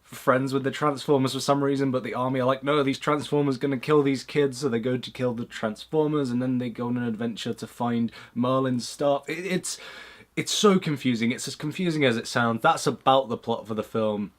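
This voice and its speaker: A man's voice: mid-range voice, brisk. A man hosting a casual movie review chat, blunt and rambling, with plenty of fillers and swearing.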